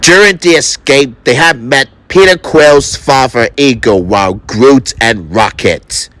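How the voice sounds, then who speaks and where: A man narrating a fan video casually, reading haltingly and stumbling over words. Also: mid-range voice, a bit bright, no echo.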